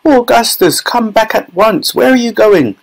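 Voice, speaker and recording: Man as a fussing mother, very high pitch, shrill, bossy, frantic, storybook character. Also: lively intonation, normal speed. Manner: shrill, screaming, scolding. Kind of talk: audiobook children's story character voice.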